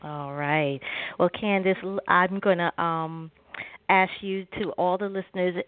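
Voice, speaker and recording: Woman radio host, kinda low voice, eager, dry tinny phone sound. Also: steady tone, dry recording. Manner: enthusiastic, halting with restarts. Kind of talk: radio interview hosting.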